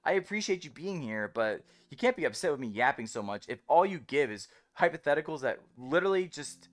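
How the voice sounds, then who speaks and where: A man's voice: fairly high pitch, big pitch swings, brisk. A man chatting casually as a livestreamer, rambling on and on like a self-described yapper, with music behind him.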